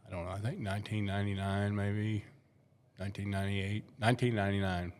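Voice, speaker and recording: A man's voice: fairly low pitch, little pitch movement, fast, darkish tone. A man, a basketball coach chatting casually and telling stories, repeating words as he goes. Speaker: basketball coach and podcast co-host. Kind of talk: casual chat.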